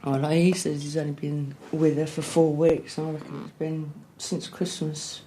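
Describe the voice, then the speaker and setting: A woman's voice: low-pitched, flat delivery, moderate pace, warm tone, a little hiss or hum. A woman in a candid documentary interview, bluntly retelling a breakup, swearing and acting out what was said. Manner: blunt, swearing, acts out quoted exchanges. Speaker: documentary subject.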